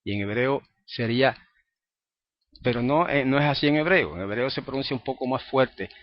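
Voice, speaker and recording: A man's voice: medium pitch, moderate pace, very noisy. A man teaching a recorded lesson, explaining patiently and often checking in with the listener. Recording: dry, dull lo-fi recording.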